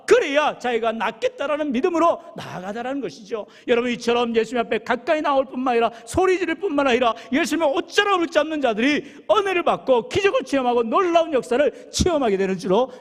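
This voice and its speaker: A high-voiced male pastor preaching with a lively, swooping delivery. He jokes with the congregation and calls on people by name. His voice rings through a big, reverberant church sanctuary. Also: fast, few pauses. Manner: lively, joking with the congregation and calling on members. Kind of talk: sermon.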